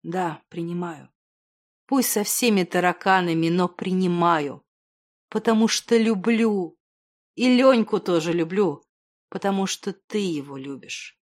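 A resolute young man speaks in a crisp, firm, soldierly way, his voice set well below the reader's own, as a woman narrator puts him on. It sounds like an audiobook read aloud. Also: lowish voice, unhurried, pitched below the performer's own voice. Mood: tender. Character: determined young man, a lover proposing firmly.

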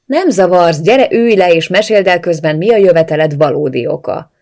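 A reader voicing a friendly, welcoming older brother in an audiobook, speaking up brightly. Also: male voice, high voice, creaky. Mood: hearty. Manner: friendly, inviting. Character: hearty male older brother, welcoming host.

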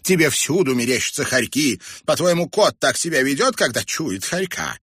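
A man's voice: animated, moderate pace, sharp tone, husky, no room sound, clean studio sound, full character voice. A man voicing a brash, mocking woman in an audiobook reading. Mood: scornful. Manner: mocking, shrill laughing scorn.

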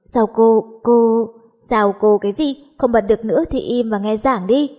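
A woman voicing a sharp-tongued teenage schoolgirl who snaps and teases. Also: a little high, moderate pace, natural voice. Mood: teasing.

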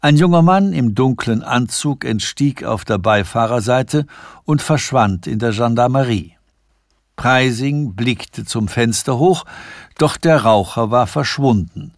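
Brief: male radio reader, unhurried literary narration, close dry studio mic. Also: mid-range voice, no echo. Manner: measured, expressive storytelling. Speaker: audiobook reader. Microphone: studio microphone.

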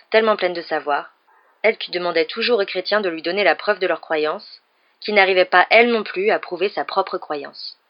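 A woman radio columnist giving an expressive, mock-earnest comic storybook reading. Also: fairly low pitch, highs cut off.

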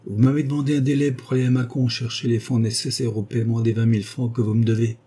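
A man's voice: mid-range voice, little pitch movement, quick pace, warm tone, natural voice. A man voicing a miserly old rustic wood merchant who talks bluntly and mockingly, in an audiobook. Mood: gruff.

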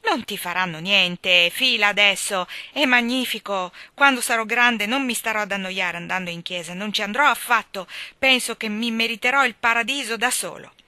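A woman's voice: mid-range voice, moderate pace, hardly any pauses, no echo. Davy, a woman doing a cheeky defiant boy. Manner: loud, taunting and triumphant. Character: cheeky defiant young boy, boastful troublemaker.

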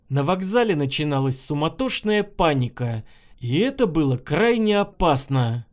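A man's voice: a little high, a little mellow. A man narrating an audiobook of his own story, telling it expressively.

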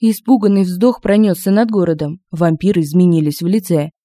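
A woman with a lowish voice narrates a humorous fantasy audiobook in an expressive, lively way, moving a little fast. She's recorded dry on a close home-studio mic.

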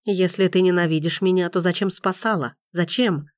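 A woman's voice: fairly even intonation, normal speed, no room sound, studio quality, natural voice. A woman reading the lines of a bitter, insistent man who turns tender. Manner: low, insistent, softly tender. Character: man, intense, bitter, then tender lover.

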